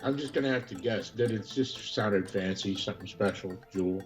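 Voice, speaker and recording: A man's voice: fairly low pitch, a little fast, over loud music. Older man from Chicago's South Side. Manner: easygoing storyteller, chuckles at himself. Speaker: actor, quiz contestant. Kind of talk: casual anecdote on a quiz show.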